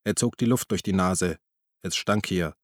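A man narrating a crime novel in a measured, even tone. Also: low voice, dry recording, studio quality. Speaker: audiobook narrator. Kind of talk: scripted narration.

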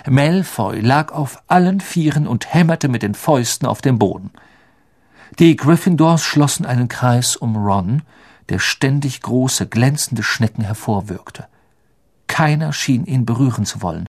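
A man narrating an audiobook in a lively, expressive storytelling manner. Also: medium pitch, a little slow. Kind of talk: scripted narration.

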